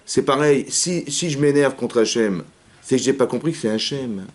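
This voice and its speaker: A rabbi giving a lively Torah class, rapid and animated, acting out little dialogues as he answers questions. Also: medium pitch. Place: community hall.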